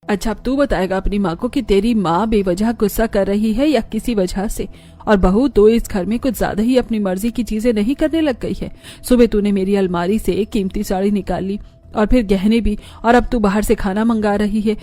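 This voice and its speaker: A stern, scolding mother-in-law in a cartoon story, played by a man raising his voice. Her tone is dark and mellow, with a bossy edge. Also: sits high, moderate pace, voice pushed up, lightly acted. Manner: scolding, sharp. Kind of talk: cartoon voice acting.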